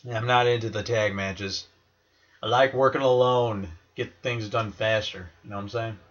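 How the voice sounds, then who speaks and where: A man's voice: lowish voice, fairly even intonation, moderate pace, highs cut off. A man giving rambling, profane, sarcastic commentary while playing a video game. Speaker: let's play gamer. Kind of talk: casual crude gameplay commentary.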